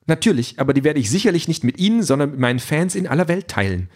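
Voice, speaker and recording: A man's voice: a little high, sing-song, fast, a little mellow, voice pushed up. A man voicing a haughty, vain female android poet with a pompous, theatrical manner.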